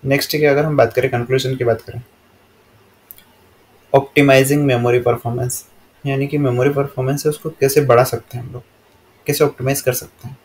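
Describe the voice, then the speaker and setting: Teaching from slides, an Indian man speaks at a medium pitch in a plain, even tone that rarely rises or falls. He slowly reads each English line aloud, then explains it at a steady, classroom pace.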